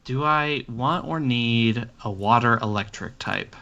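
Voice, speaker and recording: Bright-voiced man chatting over a game. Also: medium pitch, a little slow, vocal fry, lo-fi sound. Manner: relaxed, thinks aloud with restarts. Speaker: podcast co-host playing a game on stream. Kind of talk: casual gaming chat.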